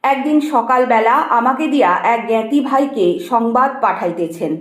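A woman with a fairly high voice reads a devotional memoir slowly and reverently. Each line comes measured and unhurried, and the room gives her voice a roomy echo. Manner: slow, measured and reverent reading with quoted dialogue. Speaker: reader of a devotional text. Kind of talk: slow scripted reading of a memoir.

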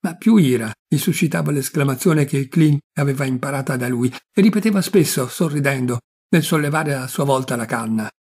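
A man narrating a classic short story in a measured, expressive reading. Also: mid-range voice, slightly rough. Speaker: audiobook reader. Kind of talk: literary narration.

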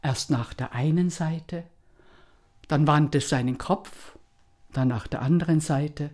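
A woman telling a folk tale aloud in a deliberate, dramatic way with pauses. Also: sits low, darkish tone. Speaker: storyteller.

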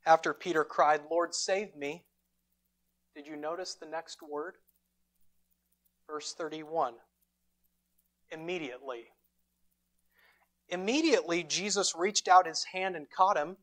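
A man preaching a sermon as pastor, retelling a scripture story with dramatic emphasis and deliberate pauses. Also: a little high, a bit bright. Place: church sanctuary.

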